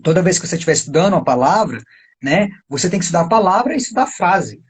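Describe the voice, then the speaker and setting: Husky Brazilian man teaching casually. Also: sits high, animated, rapid-fire. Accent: Brazilian Portuguese. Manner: chatty, peppers talk with tag questions and pointers. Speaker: English teacher. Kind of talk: casual live-stream lesson.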